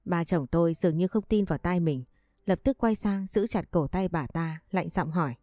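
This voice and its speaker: A woman reading a family drama story aloud in a steady storytelling voice. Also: lowish voice, moderate pace, no echo. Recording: dry close voice with faint music behind.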